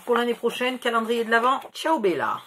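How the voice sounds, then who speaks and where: A middle-aged woman talks her way through a craft-supply haul in a chatty, rambling manner, restarting and poking fun at herself. Her voice sits fairly high. Faint clicking noises sound behind her. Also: expressive, fairly quick, noisy background. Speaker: scrapbooking YouTuber. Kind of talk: casual haul video chat.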